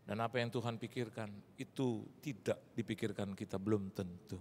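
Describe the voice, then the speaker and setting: A male pastor from Indonesia preaching a storytelling sermon, animated, with casual slang and shouted exclamations. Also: on the low side, moderate pace, a little hiss or hum. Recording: long reverb of a large hall.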